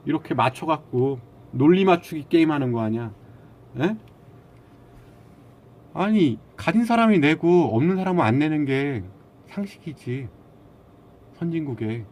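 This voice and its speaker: A man's voice: on the high side, animated, a little slow, long pauses, a little mellow. A man talking casually to his live-stream viewers, lecturing them bluntly and arguing back at their comments.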